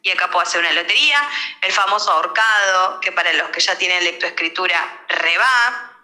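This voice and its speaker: Woman teaching, very bright edgy tone, roomy echo, explains step by step. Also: on the low side, brisk. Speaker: speech therapy lecturer. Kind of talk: online lecture with slides.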